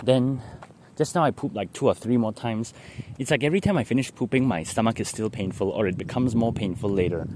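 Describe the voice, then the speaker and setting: A man's voice: fairly low pitch, a little fast. A young man with a Singlish accent rambling casually in a diary style, meandering and ending phrases with lah. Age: young adult. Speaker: daily vlogger. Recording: loud traffic and vehicle noise.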